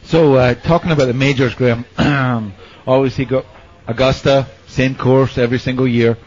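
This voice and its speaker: A man's voice: medium pitch, fairly even intonation, normal speed, a little mellow. A man hosting a radio show, chatty and joking, who hesitates often with fillers. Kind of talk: casual radio chat. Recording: dull radio broadcast audio.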